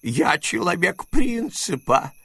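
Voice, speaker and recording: In a storybook reading, a man puts on a frightened old miser, an uncle who pleads and blusters. The voice sits high and leaps all over the place. The sound is dry and close. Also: big pitch swings, creaky, sharp tone, husky, no room sound, exaggerated voice. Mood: pleading, prim. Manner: shrill, pleading, quick to bluster.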